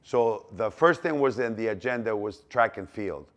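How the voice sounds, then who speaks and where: At a normal speed and with lively intonation, a man in his sixties from Greece recounts his life as a business owner in a Greek accent. His fairly low, slightly bright voice wanders through the tale, repeating itself amid frequent fillers and restarts.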